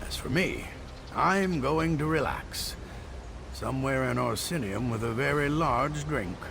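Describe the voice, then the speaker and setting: A man's voice: mid-range voice, lively intonation, measured pace, vocal fry, over music. An actor playing a jovial, worldly male adventurer with a hearty, theatrical manner, in a video game. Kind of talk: game voice acting. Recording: game audio with background noise.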